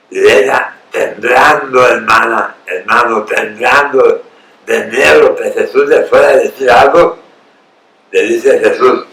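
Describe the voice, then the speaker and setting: A man preaching slowly and emphatically, repeating words for weight. His voice sits at a middle pitch. It is picked up from a distance in a roomy church with faint ambience. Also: a bit bright. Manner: slow, emphatic preaching with repeated phrases and sudden rises. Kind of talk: sermon.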